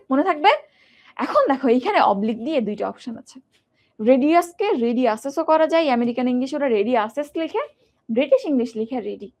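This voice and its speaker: A woman's voice: high-pitched, a little mellow. A young woman teaching an exam-prep grammar lesson, asking the students questions and repeating words in drills.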